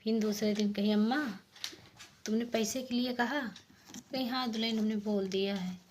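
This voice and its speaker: A woman's voice: on the high side, fairly even intonation, normal speed, slight background noise. Woman telling a folk tale. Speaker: storyteller. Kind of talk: casual folk tale narration.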